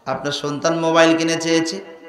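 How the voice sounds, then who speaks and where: A man preaching a sermon, swinging from quiet questions to loud chanted outbursts and urging the crowd to answer louder. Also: fairly high pitch, little pitch movement, brisk. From Bangladesh. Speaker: preacher at a religious gathering. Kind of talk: impassioned Islamic sermon with sung passages. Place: large religious gathering. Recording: echoey venue with faint music.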